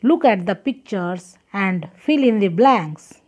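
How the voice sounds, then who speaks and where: A young woman teaching children a slow lesson and spelling words out letter by letter. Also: mid-range voice, lively intonation, a little mellow, highs cut off.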